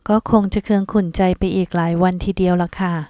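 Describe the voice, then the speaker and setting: An earnest, polite mother who speaks with respectful worry, as a female reader puts her on. The voice sounds mellow and smooth. It is recorded dry and close. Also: on the low side, little pitch movement, fast talker, no echo, close to an everyday voice. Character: devoted mother figure, polite and worried.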